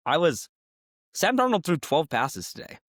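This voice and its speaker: A man co-hosts a sports podcast, bantering casually, joking and laughing often while still a bit sick and recovering from illness. His voice is on the high side and a bit bright, recorded cleanly in a studio with no room sound.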